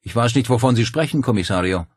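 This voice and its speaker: A man's voice: mid-range voice, lively intonation, quick pace, slightly rough, no echo, studio quality, voice pushed up. A man voicing a courteous, anxious older clergyman in an audiobook, polite and solicitous in manner. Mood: concerned. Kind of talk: audiobook character voice.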